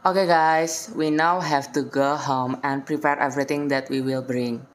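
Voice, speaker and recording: A woman's voice: rumbling low, fairly even intonation, normal speed. A young woman with an Indonesian accent playing a self-assured friend who organises things, in a recited English dialogue. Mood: upbeat. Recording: noticeable background noise.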